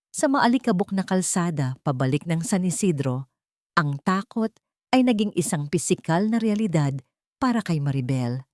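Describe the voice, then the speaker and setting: A woman with a Filipino accent narrates a scripted audiobook story in a dramatic style. Her lowish, darkish voice comes through a dry, clean studio recording.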